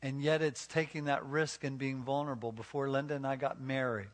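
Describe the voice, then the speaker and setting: A man's voice: mid-range voice, fairly even intonation, brisk. Folksy storytelling preacher man. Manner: folksy storytelling with many restarts, asks the crowd questions. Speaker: pastor. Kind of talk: marriage sermon to a live congregation.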